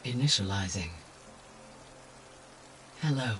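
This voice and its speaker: A man's voice: medium pitch, takes it slowly, far from the mic, slight background noise, voice pushed down. A man doing an AI booting up. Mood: mechanical. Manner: announcing in flat system readouts. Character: AI system booting up, flat machine voice.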